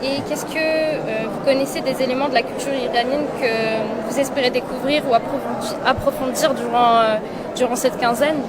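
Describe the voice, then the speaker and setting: A woman's voice: high-pitched, steady tone, normal speed. A young woman interviewing guests at a festival opening, asking short friendly questions. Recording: loud noise and crowd chatter.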